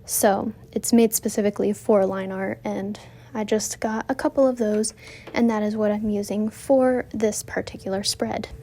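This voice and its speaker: A woman's voice: medium pitch, fairly even intonation, moderate pace, dark tone. Breathless woman narrating art vlog. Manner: rambling, self-correcting, chatty. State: out of breath from walking. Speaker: art vlogger narrating her drawing process. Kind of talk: casual voice-over narration.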